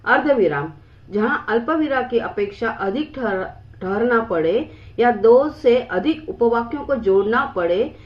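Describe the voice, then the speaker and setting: A woman teaching a grammar lesson in a slow, measured way, pausing on examples. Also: on the high side, lively intonation, muffled recording.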